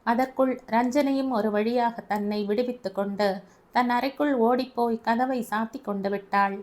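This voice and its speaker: A woman narrating a family audio novel in a steady storytelling manner. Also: fairly high pitch, normal speed.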